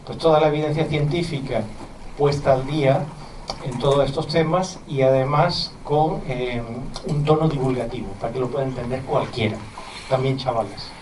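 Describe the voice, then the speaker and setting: A man's voice: mid-range voice, steady tone, normal speed. A middle-aged man from southern Spain with a mild Andalusian accent, giving an earnest, conversational public lecture to parents as a physician, with asides to the audience. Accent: mild Andalusian Spanish. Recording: roomy hall, distant mic, faint background noise.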